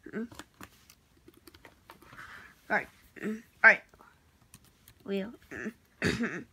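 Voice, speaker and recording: A woman vlogging casually in a hesitant, rambling way, restarting her words, clearing her throat and apologizing often. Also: medium pitch, animated, very slow, bright, forceful tone, slight background noise. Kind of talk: casual vlog talk while working at a computer.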